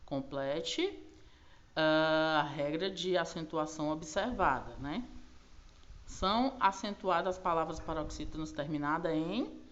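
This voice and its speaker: Brazilian Portuguese woman teacher, very low voice, dull lo-fi recording. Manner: patient, slow over key words, frequent tag questions. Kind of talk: recorded class explanation.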